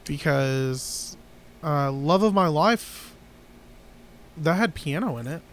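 A man's voice: on the high side, lively intonation, slow, a bit bright, slight background noise. A man co-hosting a casual guitar podcast, talking in a rambling, opinionated way with many restarts. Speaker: podcast co-host. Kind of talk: casual chat.

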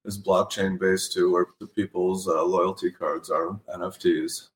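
A hoarse man who is losing his voice, a pizzeria owner guest, speaking matter-of-factly and clearing his throat. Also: low-pitched, little pitch movement, measured pace. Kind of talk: casual panel chat. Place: shared room with other guests. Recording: echoey room.

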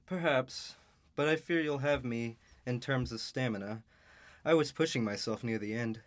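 A man's voice: mid-range voice, moderate pace, natural voice. Guy doing an older knight, polite and formal, radio play style. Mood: courteous. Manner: formal, courteous. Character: older male knight, courteous and weary. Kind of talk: student radio drama acting.

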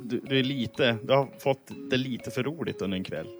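A man's voice: medium pitch, music in the background. A man co-hosting a casual podcast, teasing and joking with his friend. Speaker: podcast co-host.

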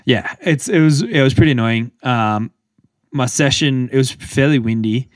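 A man's voice: medium pitch, normal speed, no room sound, studio quality. A young man co-hosting a podcast, telling a running story in loose, filler-heavy casual chat. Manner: rambling storytelling with many fillers. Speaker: podcast co-host.

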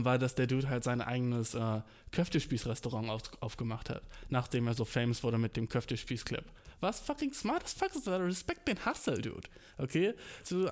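A young man chatting casually as a podcast host, slangy and profane, mixing English words into German and ranting with mocking energy. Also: medium pitch. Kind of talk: casual chat.

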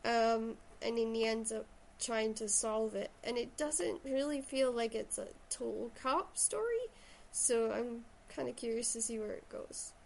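A woman's voice: on the high side, animated, measured pace, creaky, a little mellow, a little hiss or hum. A woman with a Shetland accent chatting casually and enthusiastically about books as a host. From Shetland, Scotland. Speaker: podcast host and writer. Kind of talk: casual book chat.

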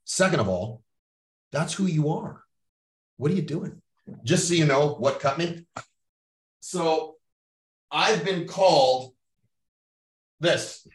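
In a roomy recording from a distant mic, a middle-aged Canadian man gives a motivational podcast monologue, blunt and full of profanity. His slightly high voice has lively intonation, and he takes it slowly, pausing often.

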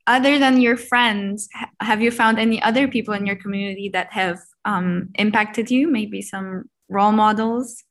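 A woman's voice: medium pitch, fairly even intonation, moderate pace. Polite young woman hosting a podcast. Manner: polite, hesitant with many ums in questions. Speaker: podcast host. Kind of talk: scripted podcast intro and interview questions.

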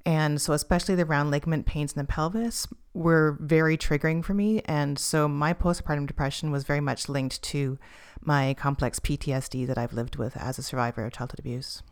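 A woman in her forties, a podcast guest, telling her personal story calmly and candidly. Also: low voice, a little fast, smooth. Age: 40s.

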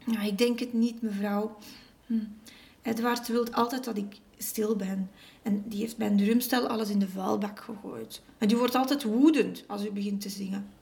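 A woman's voice: mid-range voice, fairly even intonation, normal speed, creaky, a little mellow, distant mic, lightly acted. Woman voicing a shy stammering boy. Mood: subdued. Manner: timid, hesitant, stammering. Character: shy, sad young boy.

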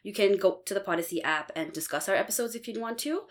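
A woman in her twenties from Bangladesh, co-hosting a casual podcast in a friendly, relaxed way. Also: medium pitch, fast. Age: 20s. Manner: friendly, relaxed, uses many fillers. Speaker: podcast co-host.

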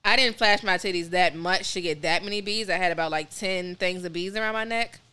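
A woman in her late twenties chatting on a podcast, telling candid stories. Her voice is bright and smooth, sitting a little low. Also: brisk. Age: 20s. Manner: laughing, candid storytelling. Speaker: podcast co-host. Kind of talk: casual chat.

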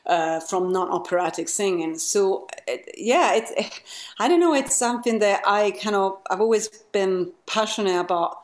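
A woman singer, appearing as an interview guest, talks things through in loose, searching phrases during a casual conversation. Her mid-range voice is animated, at a moderate pace.

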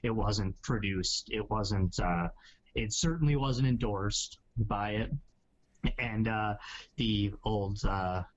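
A man's voice: lowish voice, slow pace, dull audio, a little hiss or hum. A man hosting a casual podcast chat, talking in rambling, hedging sentences full of asides. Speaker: podcast host.

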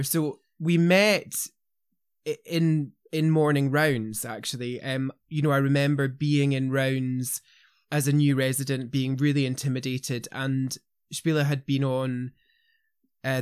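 A man hosting a veterinary podcast, chatty and animated as he tells stories. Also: medium pitch, clean tone, no room sound, studio quality. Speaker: podcast host, vet. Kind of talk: casual podcast chat.

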